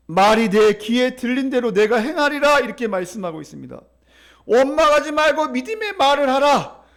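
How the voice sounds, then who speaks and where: A male pastor preaching a sermon, stressing points through repetition and calling the congregation to read along. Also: extremely high pitch. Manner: preaching with emphatic repetition and leading the congregation in reading. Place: church sanctuary.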